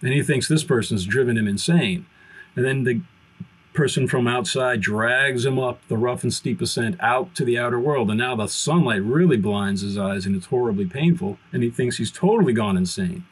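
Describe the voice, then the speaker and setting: A man in his fifties, a philosophy professor on a video call from a room at home, retelling a classic story with lively hand gestures. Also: mid-range voice, moderate pace, husky, poor audio. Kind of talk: explaining on a podcast. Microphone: webcam video call.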